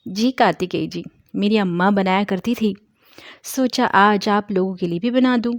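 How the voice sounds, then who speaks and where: A woman reading a story aloud, voicing a soft-spoken, devoted young wife who pleads through tears. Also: medium pitch, moderate pace, no echo, natural voice. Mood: gentle.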